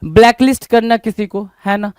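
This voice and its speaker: A man's voice: high-pitched, steady tone, normal speed, darkish tone, clear, resonant tone, no room sound, clean studio sound. A man with an Indian accent, a Hindi speaker, teaches English vocabulary for exam prep and keeps asking rhetorical questions, calling the viewers "bhai".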